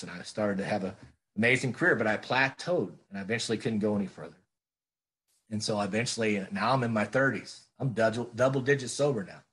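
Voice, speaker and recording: A man's voice: fairly low pitch, a bit bright, slightly rough. A middle-aged man speaking at a recovery meeting, earnest and plainspoken, repeating phrases for emphasis.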